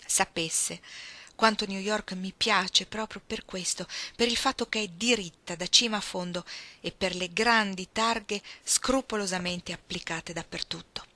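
A woman reading an audiobook, voicing a young countess with a gentle, earnest manner. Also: mid-range voice, measured pace, no room sound. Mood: wistful. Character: Ellen Olenska, young countess, wistful and candid.

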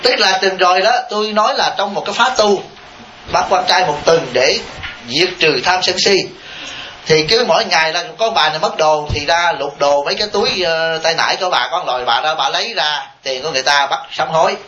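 A Buddhist monk teaches in a bright, raised voice, telling stories and checking that his listeners follow. He chuckles through his examples. The recording is echoey and dull, with a faint hiss. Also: a little high, brisk. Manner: animated storytelling, chuckling asides, rhetorical checks with the audience. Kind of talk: dharma talk answering questions. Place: temple hall with listeners.

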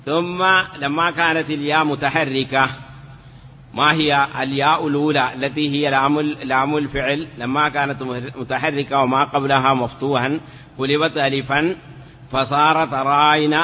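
Brief: male teacher, bright, steady voice, patient step-by-step explaining, dull lo-fi recording in a reverberant hall. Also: medium pitch. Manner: explains step by step, asks the class questions, draws out words slowly. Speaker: teacher of Arabic morphology. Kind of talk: classroom lesson. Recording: lo-fi, hall reverb, faint noise.

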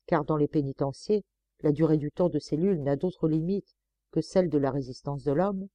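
A woman reading a short story aloud as an audiobook, measured and expressive. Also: sits low, no echo. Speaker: audiobook reader. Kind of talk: scripted narration.

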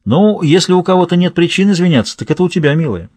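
Charming teasing man in an audiobook, voiced by the narrator, lively, bantering, raised pitch, dry sound. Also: quick pace, no echo.

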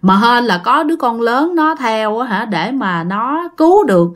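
A woman's voice: on the high side, lively intonation, normal speed. A woman telling a ghost story in a conversational way, speaking directly to her listeners.

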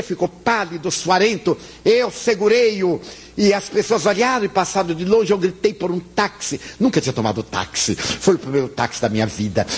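A Brazilian man with a Brazilian Portuguese accent giving a spiritist lecture, telling an anecdote in an animated way with acted-out dialogue. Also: high voice, husky. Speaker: spiritist speaker. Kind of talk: storytelling lecture.

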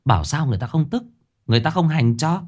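A man voicing a stern village shamaness who scolds quickly and sharply. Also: a little high, very animated, a little mellow, voice pushed up. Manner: scolding, brisk.

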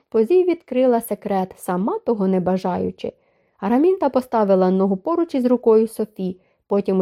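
A woman reading a novel aloud as an audiobook narrator, in a calm, even storytelling manner. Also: medium pitch. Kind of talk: scripted narration.

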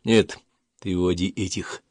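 A calm, commanding war leader in a fantasy audiobook, voiced by a man gives measured, decisive orders in a low voice. The sound is close and dry. He stays steady and firm. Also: no room sound.

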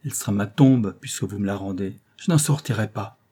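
A man's voice: on the low side, brisk, warm tone, slightly rough. A man voicing a proud, grieving young Venetian woman in a story reading, sorrowful and dignified.

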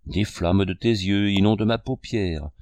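Male reader doing a middle-aged ham actor in love with verse; sugary, theatrical, low-pitched, dry. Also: unhurried, a little mellow, no room sound, close to an everyday voice. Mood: declaiming. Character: middle-aged man, amorous and grandiloquent amateur actor.

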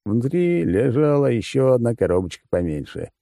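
A man's voice: mid-range voice, very animated, moderate pace, gravelly, warm tone, no room sound, studio quality. A man narrating a first-person story with a wry, crude manner. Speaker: audiobook narrator.

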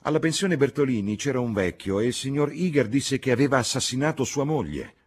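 A man reading an audiobook, voicing an outspoken, indignant young woman in a raised, husky voice. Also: mid-range voice, animated, brisk, pitched above the performer's own voice. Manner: heated, emphatic.

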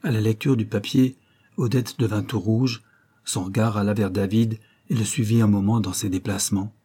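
A man reading a novel aloud as an audiobook narrator, steady and measured. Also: on the low side, slightly rough. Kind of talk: scripted narration.

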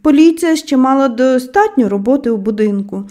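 A woman narrating an audiobook in a measured storytelling manner, letting her voice drop softly at the ends of phrases. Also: sits high, animated.

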